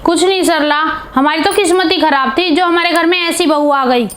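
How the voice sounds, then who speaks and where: A woman's voice: very high-pitched, normal speed, fairly bright tone. A woman voicing a greedy, scornful middle-aged mother-in-law who scolds and insults her daughter-in-law. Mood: complaining. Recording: piano music behind.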